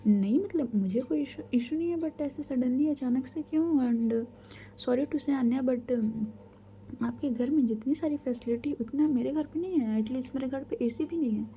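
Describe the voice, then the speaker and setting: A woman voicing an anxious young woman who pleads in hushed tones, in a told love story. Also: high-pitched, moderate pace, slight background noise, natural voice. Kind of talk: storybook voice acting.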